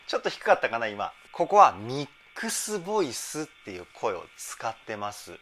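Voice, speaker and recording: A man working as a vocal trainer, giving enthusiastic reaction and vocal analysis commentary and breaking into short sung demonstrations and falsetto examples. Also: sing-song, normal speed, fairly bright tone.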